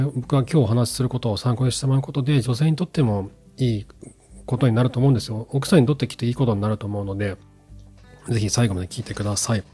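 A man in his thirties hosting an advice show, reading a listener's letter and answering in a relaxed, conversational way with many fillers. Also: medium pitch, husky. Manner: conversational, frequent fillers, acts out quotes. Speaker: podcast host answering listener questions. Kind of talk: advice talk.

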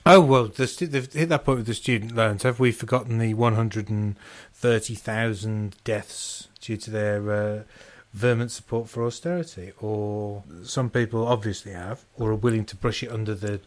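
A man with a Birmingham accent hosts a casual political podcast. He teases his guest with dry sarcasm and gives his introduction in a slow, deep delivery. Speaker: podcast host.

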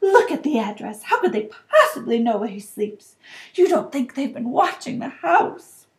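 A woman's voice: high voice, sing-song, moderate pace. A woman voicing an anxious, easily shocked middle-aged aunt with a quivering voice in a storybook reading. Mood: frightened.

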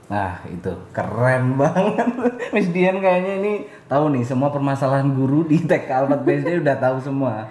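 A man hosting a podcast in a casual conversation, playful and quick to laugh, with many short agreements. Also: medium pitch, animated, a little mellow. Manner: frequent backchannels, playful, laughs easily. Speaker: podcast host. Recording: echoey room, faint ambient noise.

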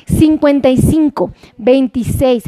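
A high-pitched woman talks to her live viewers as a doctor, chatty and playful. Her voice sounds close and dry, with no room around it. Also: measured pace, warm tone, no echo. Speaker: doctor and diabetes specialist. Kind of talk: live-streamed health talk. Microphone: phone.

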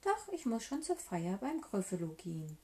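A woman's voice: mid-range voice, very animated, moderate pace, mellow. A woman voicing a small, clever, boastful mouse in a children's storybook reading. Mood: cheeky.

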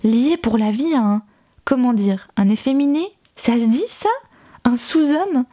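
A woman's voice: a little high, animated, moderate pace, darkish tone. Woman doing a spiteful honey-voiced village gossip. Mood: sneering. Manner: sugary, sneering false pity.

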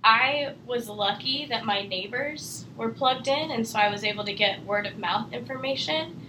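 A woman's voice: fairly high pitch, moderate pace, background noise. A woman from Missouri, an army spouse, sharing her experience thoughtfully in a roundtable. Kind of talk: roundtable discussion.

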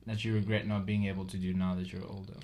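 A man's voice: low-pitched, level tone, fast talker, a little mellow. A man in his twenties co-hosting a podcast, chatting casually and joking with frequent laughs. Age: 20s. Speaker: podcast co-host. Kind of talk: casual chat.

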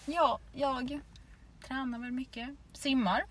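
An eighteen-year-old woman from Sweden chats casually as a podcast co-host, giggly and rambling. Her voice sits a little high, with faint noise behind her. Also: steady tone, a bit bright, distant mic. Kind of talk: casual chat.

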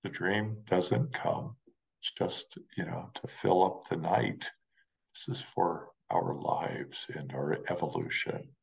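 A middle-aged man, a spiritual counselor and dream worker, co-hosting a reflective podcast chat, speaking in halting, searching phrases. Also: low voice, animated, creaky, breathy edge, poor audio. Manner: slow, halting, searching for words.

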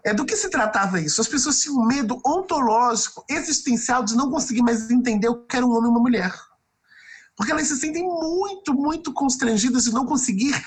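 A woman's voice: a little high, husky. A woman, a writer and researcher answering interview questions thoughtfully and often ending with tag questions. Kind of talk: reflective podcast interview answer.

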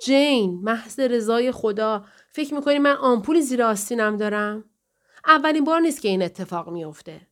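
A woman's voice: on the high side, lively intonation, a bit bright. Woman reading a pleading husband. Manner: earnest, pleading. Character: distressed man pleading with his wife. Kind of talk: audiobook dialogue reading.

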